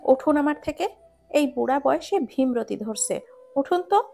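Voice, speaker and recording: A woman's voice: sits high, lively intonation, normal speed, vocal fry, soft background music. A woman reading a storybook romance aloud, voicing a stubborn young bride who talks back sharply. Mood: defiant. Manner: sharp, defiant, whiny.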